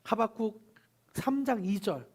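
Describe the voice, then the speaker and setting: A man's voice: high voice, lively intonation, measured pace. A man preaching a Sunday sermon as pastor. He leads the congregation in reading scripture together and speaks the prophet's complaints in the first person.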